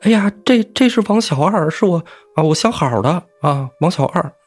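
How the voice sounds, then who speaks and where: A man's voice: fairly high pitch, animated, moderate pace, faint music behind, pitched above the performer's own voice. A man voicing a terrified young woman who pleads frantically and stammers. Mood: panicked pleading.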